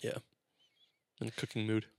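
A man's voice: moderate pace, darkish tone, no room sound, clean studio sound. A man co-hosting a casual podcast chat, joking around and rambling with filler words. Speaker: podcast co-host.

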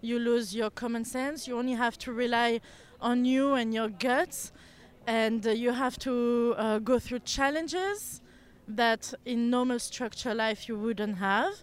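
A woman gives a street interview outdoors in a city, her voice smooth and clear. She speaks thoughtfully in a fairly high register and sometimes pauses to find the right words.

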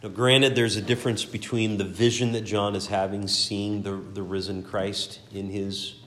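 A man's voice: on the low side, little pitch movement, moderate pace, a bit bright, a little hiss or hum. A man teaching a Sunday school class, reading scripture aloud with earnest emphasis and often repeating words as he searches for phrasing. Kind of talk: Bible teaching.

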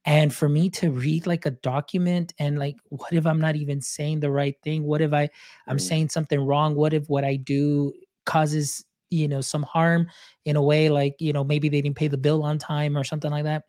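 This podcast host is a man and a native Spanish speaker, chatting casually in an interview with a reflective, storytelling manner full of fillers. His voice sits a little high with little pitch movement, darkish in tone, at normal speed. The studio sound is clean, without echo.

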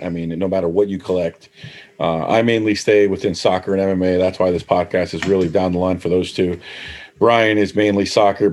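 A man's voice: sits low, darkish tone. A man hosting a casual podcast interview, talking in a breezy, slangy way and calling people "bro" and "man". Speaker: podcast host.

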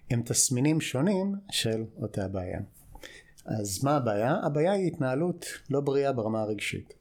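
This American man, a guest clinical psychologist, explains ideas to his interviewer like a teacher and drops in brief check-in questions. His voice is medium-pitched and a bit mellow.

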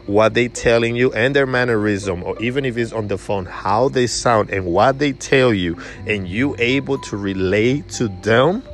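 Emphatic man teaching sales. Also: medium pitch. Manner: emphatic, acts out customer voices. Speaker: sales trainer. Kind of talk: motivational sales lesson.

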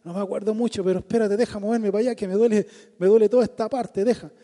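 A man's voice: high-pitched, fairly even intonation, quick pace, warm tone, voice pushed up. A man preaching in a hall, acting out a battered, good-humoured prisoner chatting casually with his cellmate. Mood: plucky, aching. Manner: colloquial, plucky, grumbling about aches. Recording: long hall reverb.

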